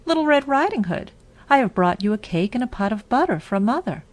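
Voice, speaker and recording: A woman's voice: a little high, sing-song, brisk, no room sound, voice pushed up. A woman voicing an innocent, trusting little fairy-tale girl in an earnest, wide-eyed, singsong manner. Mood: innocent, eager.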